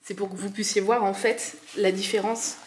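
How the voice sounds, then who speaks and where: A crafting vlogger from France, speaking with a French accent, unboxes a craft kit with casual enthusiasm, using lots of fillers and repeating words. Her medium-pitched voice is flat in delivery at a normal pace, with a little hiss or hum in the audio.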